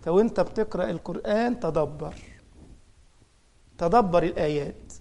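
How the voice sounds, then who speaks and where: A man with an Egyptian Arabic accent, a Quran teacher giving a religious lesson in an animated way, swinging from emphatic scolding to soft, quiet asides. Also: sits high, moderate pace, creaky.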